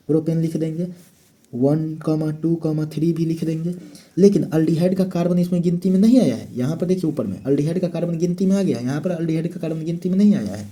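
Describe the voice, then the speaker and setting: Man, chemistry lecture, raised pitch, very mellow tone, self-answering questions. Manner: step-by-step explaining, asks and answers his own questions. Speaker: chemistry teacher. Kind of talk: classroom lecture.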